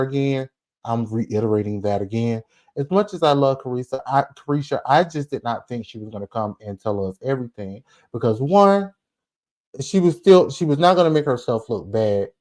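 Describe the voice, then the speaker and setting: A man's voice: mid-range voice, darkish tone. A forty-year-old man giving casual commentary on a vlog, chatty and full of asides, talking straight to his viewers. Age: 40s. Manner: chatty, talks straight to viewers, frequent asides and rhetorical "okay?". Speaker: celebrity gossip vlogger.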